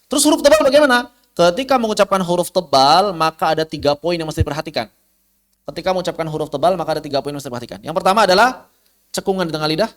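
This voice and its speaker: A man whose voice sits high teaches tajwid online. He explains with patience, repeats elongated syllables to show how sounds are made, and keeps raising questions only to answer them himself.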